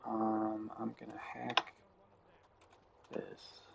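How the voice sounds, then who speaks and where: A man's voice: on the low side, very slow, vocal fry. A man streaming a video game live, talking to chat in an offhand, rambling way. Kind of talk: live gameplay commentary. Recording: dull lo-fi mic, steady background noise.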